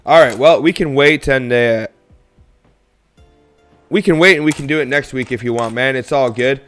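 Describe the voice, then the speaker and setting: Young canadian guy rambling to his live chat while sorting coins, smooth clear voice, middle pitch. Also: normal speed, fairly bright tone, faint music behind. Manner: chatty, rambling, upbeat asides to viewers. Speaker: coin roll hunting livestream host.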